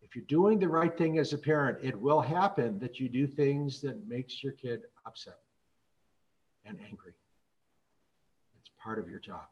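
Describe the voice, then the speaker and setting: A middle-aged man, a physician, telling stories in a public talk in an earnest, measured way. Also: mid-range voice, expressive, a little mellow, muffled recording. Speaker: physician and speaker.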